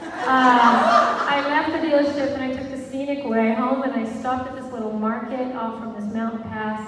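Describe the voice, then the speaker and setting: A woman tells a story to a live audience and acts out the voices of the people in it, laughing as she goes. Her voice sits a little high. The mic is far off in a big echoey hall. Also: steady tone, moderate pace, noisy background. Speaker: panel speaker. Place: large hall.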